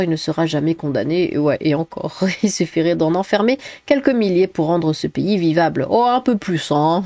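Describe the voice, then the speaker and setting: A woman's voice: on the low side, mellow, no room sound. A woman streaming live, giving blunt, opinionated reaction commentary with rambling asides while reading chat aloud, on a close desk mic.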